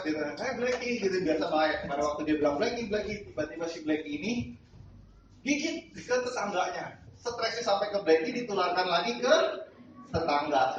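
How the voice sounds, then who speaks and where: Male pastor, high voice, preaching from a distance in a noisy, echoey church hall. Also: muffled recording. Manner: animated storytelling, acting out characters in raised voices. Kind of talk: sermon.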